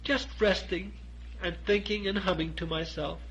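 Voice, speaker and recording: A man voicing a slow-witted, greedy, good-natured bear in a storybook, plaintive and prone to anxious exclaiming. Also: high-pitched, fairly even intonation, fairly bright tone, slight background noise, voice pushed up, low-quality recording. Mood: cross, defensive.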